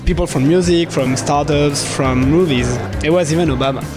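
A man's voice: on the high side, moderate pace. A man from France, giving short, earnest answers in a street interview. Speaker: festival attendee interviewed. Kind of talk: short vox-pop interview. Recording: music playing behind.

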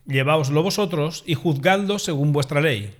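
A stern roman governor asking sharp questions, as a man reading scripture does him, kinda high voice, measured. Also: natural voice. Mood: questioning.

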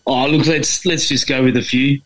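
An Australian man with a mid-pitched voice talks as a guest on a sports podcast. He is laid-back and matey, using plenty of colloquial turns of phrase in casual chat. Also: steady tone, moderate pace, fairly bright tone, rough recording. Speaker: podcast guest, former cricket coach.

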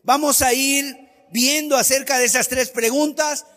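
A man's voice: extremely high pitch, fairly even intonation, unhurried, fairly bright tone, long reverb tail. A man preaching a sermon, emphatic, asking many rhetorical questions and acting out the voices he quotes.

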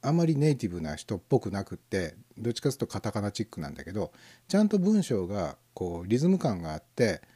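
A man hosts a live internet radio stream in a casual, rambling chat, full of fillers and soft chuckles. His voice is dark and mellow, and his pitch rises and falls in a lively way as he muses over each listener's comment. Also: fast talker, slightly rough.

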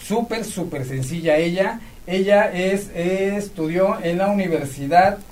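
A man's voice: high voice, measured pace, darkish tone. A man presenting a live event as host in an effusive, courteous manner. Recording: distant mic, noisy room ambience.

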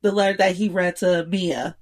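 A woman's voice: on the low side, fairly even intonation, moderate pace. A woman in a casual film discussion, talking in slang with lots of hesitant restarts.

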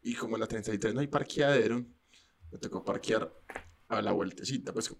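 A man's voice: on the low side, a little fast, creaky, husky. A young man, co-hosting a casual chat and telling a rambling, joking anecdote full of slang.

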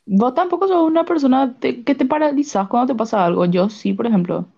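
A woman's voice: fairly high pitch, fairly quick, creaky, warm tone, lo-fi sound. A young woman co-hosting a casual podcast chat, loose and slangy with fillers. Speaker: podcast co-host.

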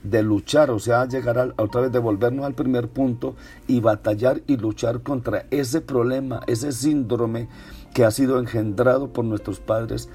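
A man's voice: mid-range voice, steady tone, normal speed. A man preaching a sermon in an earnest manner, repeating words for emphasis. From Colombia. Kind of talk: radio-style sermon. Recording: soft guitar music behind. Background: faint guitar music.

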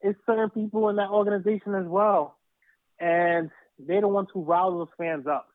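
A man's voice: high voice, steady tone, moderate pace, dry recording, phone-quality sound. A man giving his opinions in a casual podcast chat, often repeating words as he works toward his point.

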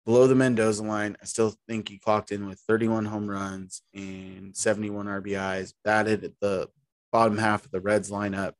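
A man's voice: on the low side, little pitch movement, moderate pace, no echo. A man co-hosting a podcast, chatting casually about baseball in a rambling, easygoing way. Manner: rambling, easygoing, restarts mid-sentence. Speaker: podcast co-host. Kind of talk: casual sports chat.

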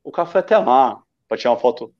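This Brazilian man, a running-event photographer and podcast guest, chats casually and tells rambling stories with enthusiasm in a Brazilian Portuguese accent. He talks fast, with a medium pitch and lively intonation, over a dull lo-fi recording.

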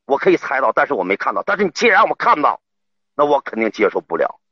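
Man, husky, stammering caller, lively up-and-down pitch, dull lo-fi line. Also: no room sound. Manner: halting, stammers and repeats himself. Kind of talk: emotional call-in confession. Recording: dull lo-fi call audio.

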